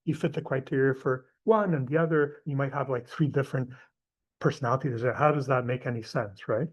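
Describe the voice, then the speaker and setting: A man's voice: mid-range voice, fast talker. A middle-aged man from Portugal with a Portuguese accent gives a live class lecture in a casual, conversational way, with many fillers and asides.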